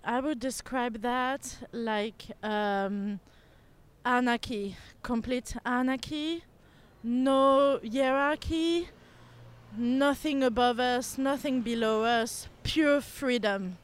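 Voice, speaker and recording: A woman's voice: a little high, slow, clean tone. A woman answering questions in a street interview outdoors in a city. She talks thoughtfully and sometimes searches for words.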